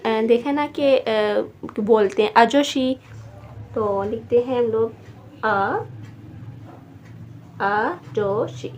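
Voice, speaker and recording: A woman teaching a beginner vocabulary lesson, repeating each word slowly and spelling it out syllable by syllable. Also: a little high, darkish tone, lo-fi sound, slight background noise. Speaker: language teacher.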